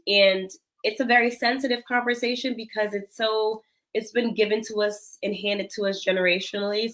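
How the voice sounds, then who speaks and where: In this interview conversation, the guest is a cosmetics founder from Senegal, a woman in her thirties with a mid-range voice. She speaks earnestly and reflectively, laughing lightly now and then, though the audio is poor.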